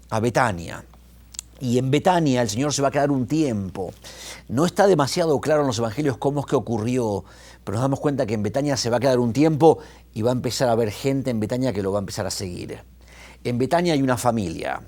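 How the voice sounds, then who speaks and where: A man preaching a sermon, talking in an animated way and often restarting his words. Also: medium pitch. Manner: animated, retells scenes with quoted voices, restarts. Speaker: pastor.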